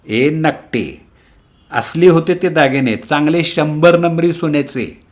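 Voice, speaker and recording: A man voicing a loud, quick-tempered middle-aged aunt who scolds shrilly. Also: a little high, voice pushed up. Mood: angry wailing.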